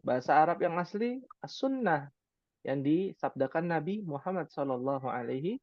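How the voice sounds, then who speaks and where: A man's voice: fairly high pitch, expressive, normal speed, dry recording. Man teaching Arabic, dry lo-fi sound. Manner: conversational, rhetorical questions, frequent "ya" fillers. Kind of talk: online class lecture.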